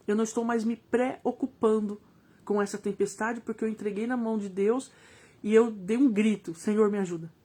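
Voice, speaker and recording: A woman with a Brazilian Portuguese accent gives a live devotional reflection to viewers, speaking earnestly and pausing to search for words. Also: medium pitch, warm tone, breathy edge.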